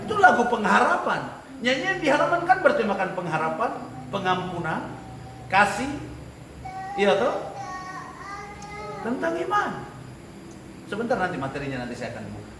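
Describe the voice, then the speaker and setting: An animated man with a high voice teaches a church class on leading worship. He often checks in with his listeners and laughs. He sounds distant, in an echoey room with clear background noise. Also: moderate pace, pauses often. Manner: animated, rhetorical questions to the class, frequent laughter. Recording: echoey room, mic far off, noisy.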